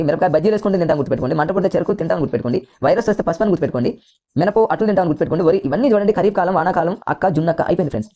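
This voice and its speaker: A man with a Telugu accent runs an exam coaching lesson at a breakneck pace, his mellow voice coming through a dull, lo-fi recording. He keeps repeating points and calls his listeners friends. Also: high voice. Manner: rapid, repetitive, keeps addressing listeners as friends. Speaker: teacher.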